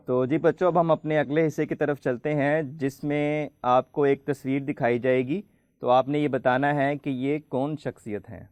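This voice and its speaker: A man hosting a children's program, patiently quizzing the kids and slowly spelling out letters for them to pronounce. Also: mid-range voice, steady tone, a little mellow, dry recording. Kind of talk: friendly studio hosting for children.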